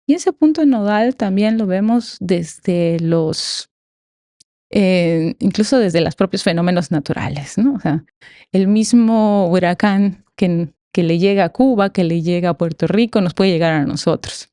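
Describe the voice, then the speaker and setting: A woman's voice: lowish voice, unhurried, dark tone, dry recording, studio quality. A woman with a Mexican Spanish accent explaining ideas conversationally as an academic podcast guest, emphatic and given to rhetorical questions.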